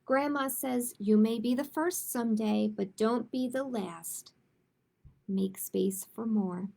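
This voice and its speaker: A woman runs a children's storytime, reading a picture book aloud and chatting casually in an expressive, emphatic way. Her voice is fairly high, slow, and gravelly.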